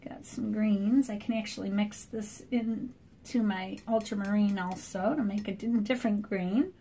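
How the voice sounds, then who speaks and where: Middle-aged woman, watercolor artist, casual think-aloud commentary, mid-pitched voice, overhead camera mic at a work table. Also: unhurried, breathy edge. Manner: relaxed, chatty running commentary. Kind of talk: thinking aloud while painting. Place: art table indoors, voice from off camera.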